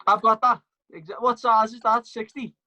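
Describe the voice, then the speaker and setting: A man's voice: high voice, flat delivery, normal speed, pushed and bright. A man with a Liverpool accent chatting and bantering casually as a podcast co-host. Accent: Liverpool (Scouse).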